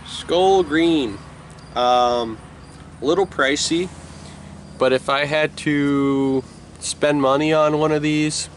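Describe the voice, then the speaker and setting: A man giving a casual, rambling review as he talks with a wad of chewing tobacco in his mouth. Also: medium pitch. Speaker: product reviewer. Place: outdoors. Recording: noisy outdoor recording, people and traffic behind. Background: loud people nearby, vehicle noise.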